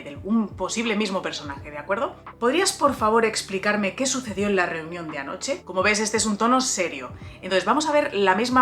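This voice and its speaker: A woman's voice: medium pitch, fairly bright tone. A woman hosting a casual video lesson on writing, talking straight to the viewer with frequent fillers and restarts. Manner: chatty, addresses viewer directly, frequent "eh" and restarts. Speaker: writer and writing coach, channel host.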